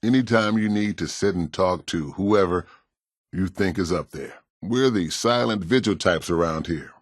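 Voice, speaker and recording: In a video game, a man plays a warm-hearted, world-weary pastor with an American accent and a plain-spoken, folksy gentleness. His voice sits low at a moderate pace, sounding kindly and calm. It's a clean studio recording without room sound.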